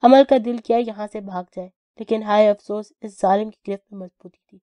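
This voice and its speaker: A woman narrating an audio novel in a steady, even storytelling way. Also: medium pitch, no echo.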